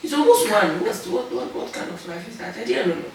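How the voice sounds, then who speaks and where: A woman's voice: medium pitch, wildly swooping pitch, fairly quick, a little mellow. A sleepy woman complaining in a casual domestic argument, repeating herself and exclaiming. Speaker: wife being pranked. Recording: echoey, distant mic, noisy room.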